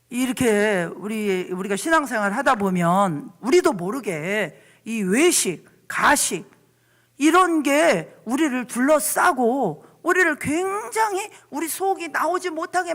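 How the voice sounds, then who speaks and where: A woman's voice: sits high, a bit bright. Impassioned woman preaching a sermon. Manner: impassioned, emotive, shifting between pleading and conversational asides. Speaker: evangelist preaching. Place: church service.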